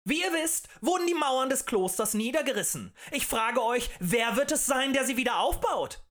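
A man voicing a fiery male demagogue who rants and shouts at a tavern crowd in an audiobook. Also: very high-pitched, expressive, moderate pace, voice pushed up. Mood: ranting. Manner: ranting, shouting, rhetorical and accusing.

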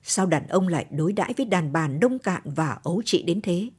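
Husky, low-voiced woman reading a story. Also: lively intonation, fairly quick, a little mellow. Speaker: radio story narrator. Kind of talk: scripted literary narration.

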